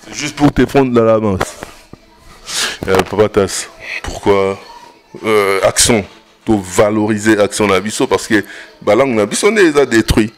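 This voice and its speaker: A man's voice: fairly low pitch, unhurried, long pauses, slight background noise. A man, hosting a debate and asking hesitant questions mixed with Lingala. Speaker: host. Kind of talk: moderating a debate.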